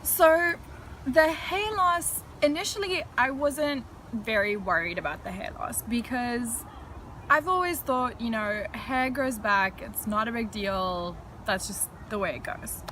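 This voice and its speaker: A South African woman in her thirties, a guest in a casual interview, tells her story frankly and chattily, laughing lightly as she recounts it. Her voice sits on the high side, animated and pushed bright, at a measured pace. The audio is poor, with a slight hiss or hum.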